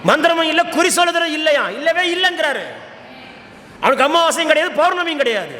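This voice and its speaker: High, bright-voiced exhorting preacher man. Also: fast talker. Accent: Tamil Nadu. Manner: exhorting, commands congregation to repeat. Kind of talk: Tamil Pentecostal sermon. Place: large church hall. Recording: echoey hall with long reverb.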